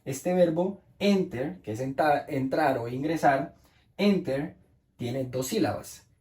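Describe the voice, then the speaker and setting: A man's voice: a little high, slow pace, darkish tone, reverberant. A man teaching English grammar in Spanish, explaining rules patiently and checking in with the class.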